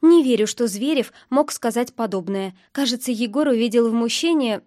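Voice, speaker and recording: A woman narrating a novel in the first person with calm, even storytelling. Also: on the high side, normal speed, no echo, studio quality. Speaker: audiobook narrator.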